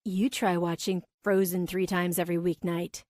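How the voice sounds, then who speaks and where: A woman's voice: on the low side, flat delivery, moderate pace, darkish tone, no echo, clean studio sound, lightly acted. A woman reading the part of a casual, teasing male friend in an audiobook. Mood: relaxed. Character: easygoing male best friend.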